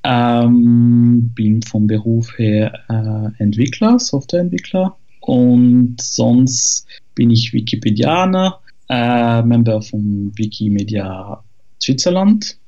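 A man with a French accent speaks as a podcast guest, hesitating often and restarting his sentences. His voice is dark and mellow. The audio is slightly dull and lo-fi. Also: mid-range voice. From France. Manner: hesitant, many fillers and restarts. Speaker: guest, software developer. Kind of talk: casual podcast interview.

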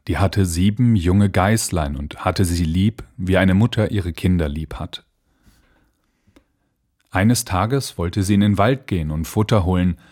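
Slow, expressive male storyteller. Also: sits low, slightly rough. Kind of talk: reading fairy tales aloud. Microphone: home mic setup.

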